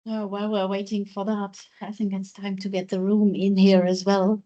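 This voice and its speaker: A woman's voice: medium pitch, level tone, normal speed, warm tone, lo-fi sound. A woman moderating a hybrid workshop who gives friendly, brief prompts to the room.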